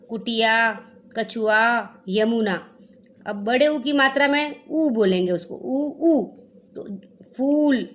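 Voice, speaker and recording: A woman's voice: a little high, fairly bright tone. A woman teacher taking young children through a lesson, reading word lists one by one and talking to them directly. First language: Hindi. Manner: reads word lists slowly, drawing out each word; addresses children directly and repeats herself.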